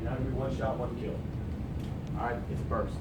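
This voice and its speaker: A man's voice: mid-range voice, flat delivery, quick pace. A man instructing army recruits as a drill sergeant, profane and commanding, firing questions at them in call-and-response. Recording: roomy, distant mic, noisy room.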